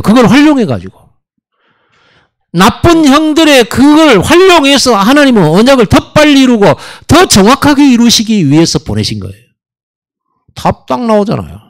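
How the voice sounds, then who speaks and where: A man preaching a Sunday sermon in a church, emphatic, with sudden swings in pitch and quoted voices acted out. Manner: acts out quoted voices and asides. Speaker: pastor. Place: church sanctuary.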